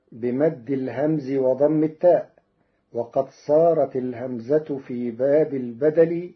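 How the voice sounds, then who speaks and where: A man presenting a scripted radio lesson on Quran readings. He speaks in a measured, deliberate way and draws out the verses he quotes. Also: medium pitch. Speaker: radio presenter explaining recitation variants. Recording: dull old radio broadcast recording.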